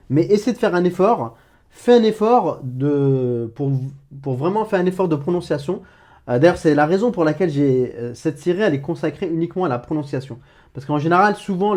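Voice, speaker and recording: A man's voice: fairly high pitch, dark tone. A man teaching Arabic pronunciation to beginners, patiently repeating sounds with frequent hesitations.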